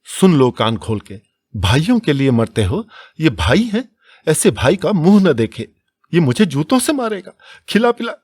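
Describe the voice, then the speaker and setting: A man voicing a fierce, sharp-tongued middle-aged village woman who scolds and wails in a high, strained voice. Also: sing-song, normal speed, vocal fry, hardly any pauses, slightly rough, heavily acted. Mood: shrieking. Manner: shrieking, scolding, wailing.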